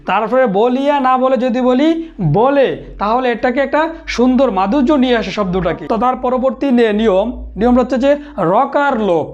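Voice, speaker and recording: A man with a very high voice teaches a grammar lesson, working through each rule slowly and repeating the key terms. He often restarts his sentences. The recording sounds dull and lo-fi. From Bangladesh. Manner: explains step by step, repeats terms, many restarts. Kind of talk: recorded lecture.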